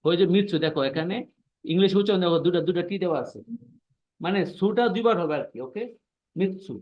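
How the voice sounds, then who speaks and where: Male language teacher, fairly high voice, patient and repetitive, checks understanding often; muffled online-class audio. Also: fast talker. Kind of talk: online class explaining pronunciation.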